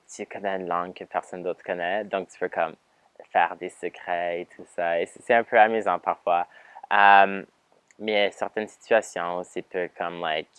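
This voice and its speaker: A man's voice: low voice, a bit bright, clean tone, dry recording. A teenage boy with a Franco-Ontarian accent, answering interview questions casually, hesitant with many fillers and English words slipped in. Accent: Franco-Ontarian French. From Ontario, Canada. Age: teens. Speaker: student songwriter.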